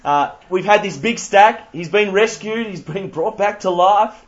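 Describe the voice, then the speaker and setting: At a measured pace and in a high voice, a young Australian youth speaker runs an interactive church talk. He quizzes the audience with playful asides, recorded in slightly muffled lo-fi quality.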